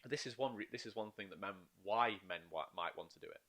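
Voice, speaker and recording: On a casual podcast, a man with a fairly low, fast voice plays the life coach. His explanations come in eager, animated bursts, peppered with inner voices he acts out.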